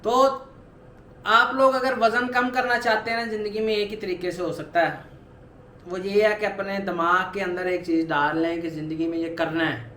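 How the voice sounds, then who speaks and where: A young man in his twenties with a high-pitched voice speaks straight to his viewers in a personal vlog. He talks earnestly and keeps circling back to the same urging points. The room gives his voice a strong echo, with faint noise underneath. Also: little pitch movement, normal speed, pushed and bright. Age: 20s. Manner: earnest, repetitive motivational urging. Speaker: vlogger. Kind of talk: personal weight-loss vlog.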